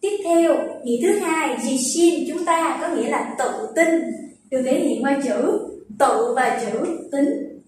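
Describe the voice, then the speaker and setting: A young woman teaching Japanese vocabulary, patiently explaining and slowly repeating words to show their pitch accent. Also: a little mellow, slight background noise. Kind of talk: vocabulary lesson. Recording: very echoey room, distant from the mic.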